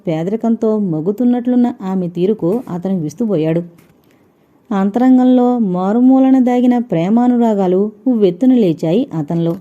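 A woman narrating an audio novel in a measured, dramatic reading style. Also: medium pitch, dark tone. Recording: dull lo-fi recording.

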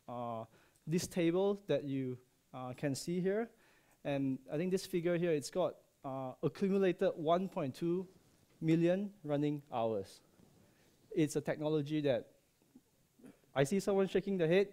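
Speaking through a headset, this Malaysian subsea processing engineer in his thirties delivers a conference talk to a big lecture hall with plenty of ums, uhs and easygoing jokes. His voice sits a little high yet has a dark, clear, resonant tone, and he takes his time.

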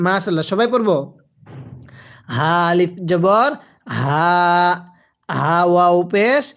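A woman with a Bangladeshi Bengali accent teaching Quran letter reading, drilling slow call-and-repeat syllables for her class. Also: on the low side, lively intonation. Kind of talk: slow drilled recitation lesson.

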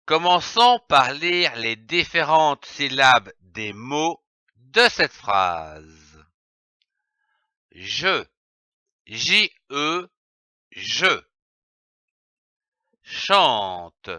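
Slow, lively man teaching reading. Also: fairly high pitch, clear, resonant tone, no room sound, clean studio sound. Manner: spells out letters one by one and repeats syllables. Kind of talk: slow, deliberate reading lesson for young children.

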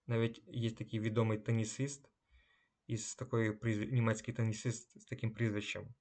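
A man giving a slow language lesson. He says each German word a little louder, then gives its translation. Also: on the low side, flat delivery. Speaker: German teacher.

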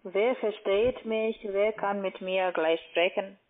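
Over a tinny phone line, a Russian-accented woman argues without a script, speaking halting, non-native German in a steady, medium-pitched voice. She is a call-centre broker working as a phone scammer.

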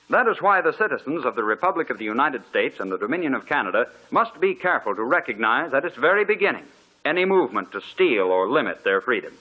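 Old radio announcer guy, earnest and formal, voice bounces up and down, muffled old broadcast sound. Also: mid-range voice. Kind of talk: 1940s radio ad narration.

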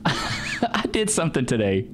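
A man in his thirties hosts a reaction commentary, teasing sarcastically with sing-song asides. His pitch swoops around a lot. He speaks into a boom-mounted studio mic, with clear music playing underneath. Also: very animated, measured pace. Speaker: host. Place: small studio room.

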